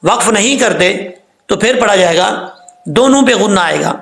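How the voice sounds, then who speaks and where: Guy teaching quran reading, high gravelly voice, roomy echo, breaks words down slow. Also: expressive, fairly bright tone. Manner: explains rules patiently, then chants words slowly to model them. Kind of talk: teaching correct Quran pronunciation.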